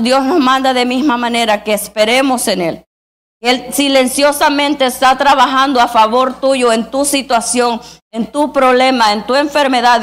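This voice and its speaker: Higher-pitched woman preaching a sermon. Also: fairly bright tone. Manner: addresses listeners as brothers constantly; reads scripture aloud then exhorts.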